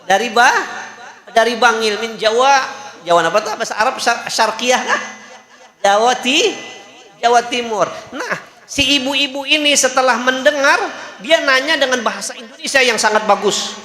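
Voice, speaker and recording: A man's voice: very high-pitched, lively intonation, moderate pace, long pauses, bright, forceful tone. A man preaching, telling a story in a sermon with a jovial manner, laughing often and checking in with the audience. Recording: echoey hall.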